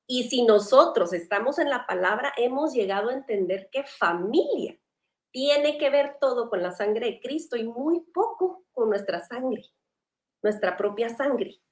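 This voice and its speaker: A woman's voice: on the high side, expressive, unhurried. A woman hosting a church panel discussion, earnest and conversational, asking pointed questions. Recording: roomy echo.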